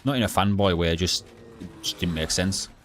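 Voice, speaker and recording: A young man streaming a game, chatting bluntly and rambling with halting restarts to his live chat. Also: sits low, fairly bright tone, slight background noise. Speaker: gaming livestreamer.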